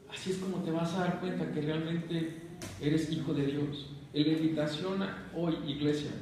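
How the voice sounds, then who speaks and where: A male pastor delivers an animated sermon, firing questions at the congregation. His voice sits a little high. He is heard from some distance in a strongly echoing hall with a faint background hiss. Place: church hall. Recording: echoey hall, picked up from a distance.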